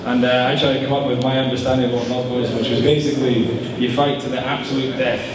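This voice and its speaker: A man giving an informal wedding toast as best man, joking and chuckling through a halting delivery, recorded from afar in an echoey hall with guests around. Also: mid-range voice, level tone. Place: large reverberant room at wedding reception. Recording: echoey hall, far mic, audience noise. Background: wedding guests chattering and reacting.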